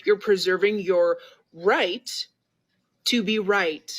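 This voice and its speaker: A woman's voice: medium pitch, slow. A woman ranting to camera in a heated, profane, lecturing tone. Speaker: social media commentator. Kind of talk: angry direct-to-camera rant.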